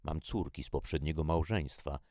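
A man's voice: very deep voice, normal speed, no echo, studio quality. A man playing a coaxing armed stranger. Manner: coaxing, gently persuasive. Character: soft-spoken armed man, coaxing and calm.

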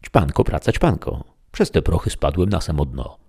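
A man's voice: low voice, very animated, moderate pace, darkish tone, breathy edge. A man narrating a first-person story in a wry, sardonic manner.

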